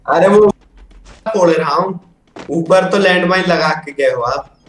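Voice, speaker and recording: A man's voice: high-pitched, a little slow, reverberant, rough recording. A young man on in-game voice chat, teasing teammates and telling them where to go.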